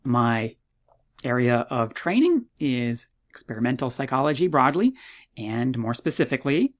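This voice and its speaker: A man in his fifties from Canada talks through a recorded course introduction as a university lecturer. He sits in a plain middle pitch and keeps slipping in teasing, mock-modest asides. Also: big pitch swings, normal speed. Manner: playful, mock-modest humor.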